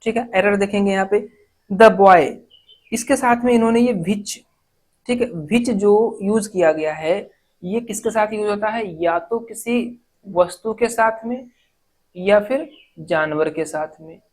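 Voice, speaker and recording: A woman teaching an exam-prep grammar lesson, reading English sentences slowly word by word and then explaining them. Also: medium pitch, darkish tone, low-quality recording.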